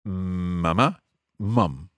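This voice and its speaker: A man's voice: low-pitched, extremely slow, a bit bright, no echo, studio quality. A man teaching family words in English, explaining patiently and repeating each word for his student. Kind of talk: language lesson dialogue.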